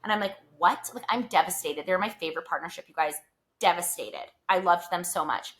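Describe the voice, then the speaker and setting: Woman, podcast host, gossipy casual chat, lots of "like", bright tone. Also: fairly low pitch, brisk. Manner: chatty, gossipy storyteller with many "like" fillers.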